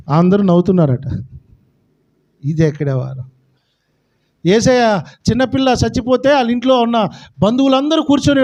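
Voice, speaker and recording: Male pastor, strikingly high pitch, fervent preaching delivery. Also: darkish tone, lo-fi sound. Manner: fervent, calls out to the congregation. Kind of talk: sermon.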